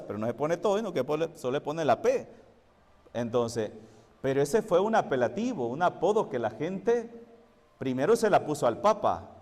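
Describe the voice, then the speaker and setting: A man's voice: medium pitch, darkish tone, in a large hall. A priest preaching a sermon to his congregation, explaining and asking rhetorical questions.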